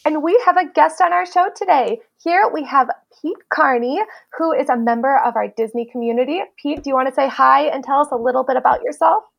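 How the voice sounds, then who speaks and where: Host: upbeat woman, high voice with a gravelly fry, relaxed chat. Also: fairly quick, hardly any pauses. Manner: upbeat, conversational. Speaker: podcast host. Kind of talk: casual podcast chat.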